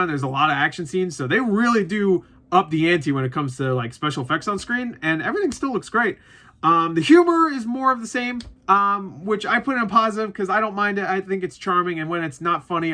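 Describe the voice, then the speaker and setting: Talking loosely to his audience, a film reviewer with a lively, somewhat high voice offers his takes off the cuff. He wanders, circles back to fix what he said, and curses without hesitation.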